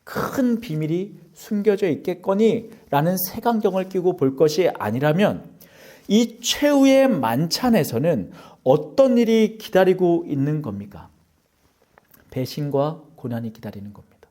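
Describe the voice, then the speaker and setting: A man's voice: on the high side, big pitch swings, unhurried, dark tone. A male pastor preaching a Sunday sermon in a dramatic style, firing rhetorical questions at the congregation and acting out quoted lines.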